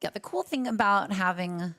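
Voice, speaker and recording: A woman's voice: mid-range voice, animated, normal speed, a bit bright. A woman co-commentating a card game tournament in a casual, chatty way, with lots of fillers and jokes. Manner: chatty, filler-heavy, jokey. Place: empty gaming room at a cafe.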